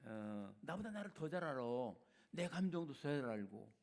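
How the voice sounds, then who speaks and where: 연세 있는 원로 목사, 거친 목소리. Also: male voice, on the high side, big pitch swings, moderate pace, gravelly. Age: older. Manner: colloquial, swings between loud emphasis and soft asides. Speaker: retired senior pastor. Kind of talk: sermon.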